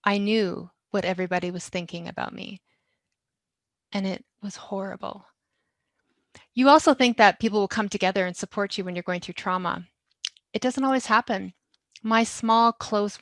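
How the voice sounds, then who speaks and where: A woman's voice: medium pitch, fairly bright tone, dry recording. Woman telling a personal story, dry. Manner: candid, emotional retelling of a hard episode. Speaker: speaker.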